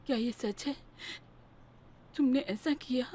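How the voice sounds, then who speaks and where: A woman's voice: high voice, a little slow, dark tone, slightly rough. An actress dubbing a distraught mother who confronts her teenage son and pleads with him through tears. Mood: worried. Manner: tearful, pleading. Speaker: student's mother. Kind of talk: Hindi dub of a TV drama.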